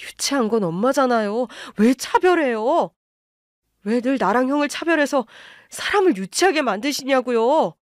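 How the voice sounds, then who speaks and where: A woman's voice: high voice, lively intonation, moderate pace, no echo, studio quality, voice pushed up. A woman voicing a younger son and husband who confronts his mother in wounded anger, in a storybook radio drama. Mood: angry hurt. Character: older male husband, younger son, hurt and angry.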